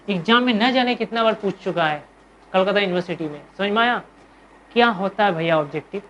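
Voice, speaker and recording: A woman with an Indian accent teaches a commerce class as a classroom lecture, asking questions and answering them herself while repeating key terms. Her voice is on the high side and a bit bright, with slight background noise.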